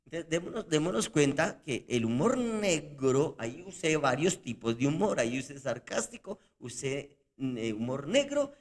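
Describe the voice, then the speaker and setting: Emphatic man explaining, higher-pitched. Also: very animated, normal speed, few pauses. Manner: emphatic, explanatory, acts out quoted lines. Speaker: podcast co-host.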